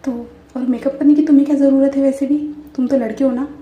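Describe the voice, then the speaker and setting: A woman voicing a brisk, nosy young woman who quizzes and teases. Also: fairly high pitch, flat delivery, dark tone, highs cut off, natural voice. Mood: teasing. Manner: quizzing, teasing. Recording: echoey room.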